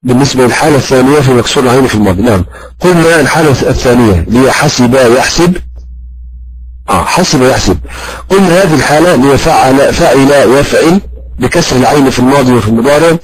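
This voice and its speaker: A man teaching an Arabic grammar lesson. He talks slowly and halts often with drawn-out fillers, putting questions to his students and praising their answers. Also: mid-range voice, animated, poor audio. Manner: slow and halting, with many drawn-out fillers. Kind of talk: classroom lesson with audience questions.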